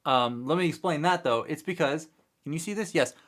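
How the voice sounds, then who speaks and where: Building a kit on his toy review livestream, a man rambles to viewers with plenty of fillers, his voice still a little congested from a cold. He speaks briskly in a slightly high, somewhat bright voice into a desk mic close by.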